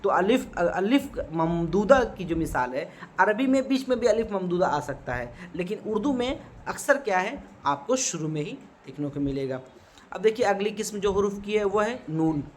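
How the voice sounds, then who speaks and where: A man's voice: high-pitched, lively intonation, moderate pace, slight background noise. A man teaching an exam-prep grammar lesson, explaining patiently, often asking a question and then answering it himself. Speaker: Urdu teacher.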